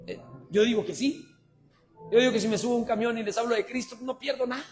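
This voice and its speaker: A Mexican pastor in church delivers his sermon in a strikingly high voice. He shouts his calls to preach, then drops into quiet, chatty asides to the congregation. Soft music hums faintly behind him. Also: fast talker. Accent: Mexican Spanish.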